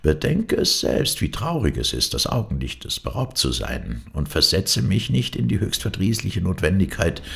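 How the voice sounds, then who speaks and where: A man voicing a stern old dervish, gravelly. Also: low voice, big pitch swings, normal speed, hardly any pauses, fairly bright tone, pitched above the performer's own voice, exaggerated voice. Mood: earnest warning. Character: stern, solemn male dervish, wise and unyielding. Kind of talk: audiobook fairy-tale reading.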